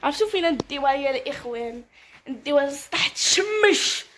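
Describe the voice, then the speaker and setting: High-voiced teasing Moroccan woman. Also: lively intonation, a little fast, roomy sound, background noise. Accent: Moroccan Arabic. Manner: bossy, teasing, giggling. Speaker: vlogger. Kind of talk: casual vlog banter.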